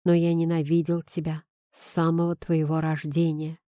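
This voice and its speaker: A woman voicing a stern middle-aged father who speaks in a low, measured, weary way. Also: completely flat delivery, warm tone, dry recording, studio quality, close to an everyday voice. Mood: grim.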